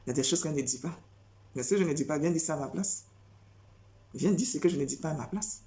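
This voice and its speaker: A woman preaching a sermon in a low, mellow voice. She presses her points by repeating phrases over and over and throwing rhetorical questions at the congregation. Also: quick pace.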